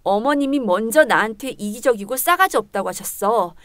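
A woman's voice: on the high side, expressive, fairly quick, fairly bright tone, no echo, voice pushed down. A woman voicing a pregnant young wife in a dramatized story reading, speaking in a restrained, firm and polite way. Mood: indignant.

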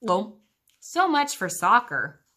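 A woman teacher reads a picture book aloud to young children, her bright voice rising and falling with lively expression. She pauses to ask her listeners about the pictures and draws them into the story. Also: mid-range voice. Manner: engaging, asks the listening children questions.

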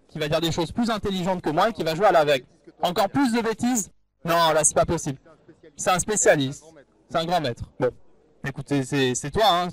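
A man commentating a live chess event, bantering and joking with members of the audience over a handheld microphone. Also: a little high.

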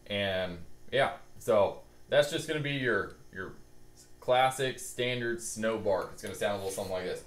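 A man's voice: lowish voice, normal speed, a bit bright. A young man giving a casual, laid-back and reassuring how-to talk as a hunting-call instructor. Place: garage with boat and hunting gear. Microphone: camera a few meters away. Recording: echoey garage, noticeable background noise.

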